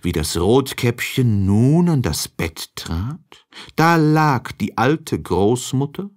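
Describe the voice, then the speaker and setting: A man reading a fairy tale aloud as narrator, slowly and expressively. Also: medium pitch. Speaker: reader.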